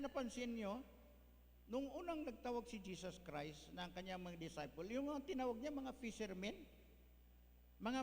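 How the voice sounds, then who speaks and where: A male pastor, preaching a folksy sermon that mixes in English words. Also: high-pitched. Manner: folksy, mixes English, tags lines with "ano?". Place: church hall. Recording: echoey church hall, faint hum.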